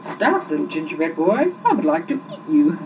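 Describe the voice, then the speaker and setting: A woman voicing a hungry cow in a storybook, with drawn-out, sniffing speech, on a noisy home recording. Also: low-pitched, big pitch swings, far from the mic, dull audio.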